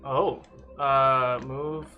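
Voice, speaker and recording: Man, game master, mid-pitched, casual tabletop narration, faint music in background. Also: little pitch movement, extremely slow, dull audio.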